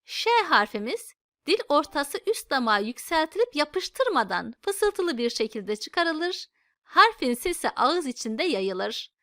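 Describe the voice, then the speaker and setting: A woman teaching letter pronunciation in a patient, step-by-step lesson, calling out each sound slowly and loudly before explaining it. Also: high-pitched, big pitch swings, dry recording, clean studio sound. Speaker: Quran alphabet teacher. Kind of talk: slow pronunciation lesson with drills.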